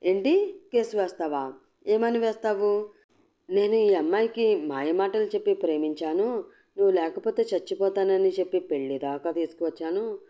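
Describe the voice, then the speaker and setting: A woman's voice: mid-range voice, normal speed, dark tone, close to an everyday voice. A woman voicing a defiant young woman who speaks firmly and mockingly. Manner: cutting, mocking, firm. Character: defiant young woman, sharp-tongued and unbowed. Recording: dull lo-fi recording.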